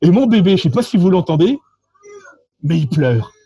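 A man from France with a French accent, telling stories animatedly in a lively, joking way about his contest calls. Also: high voice, moderate pace, slightly rough, dry recording, lo-fi sound. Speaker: social engineering contest participant. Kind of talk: animated conversational storytelling.

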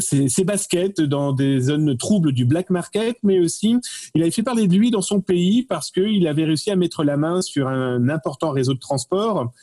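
A man talks through a story in loose, chatty fashion, doubling back and filling pauses as he goes. His voice sits a little high, with a husky, mellow tone. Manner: digressive, many fillers and restarts. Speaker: guest expert. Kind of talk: casual explanatory chat.

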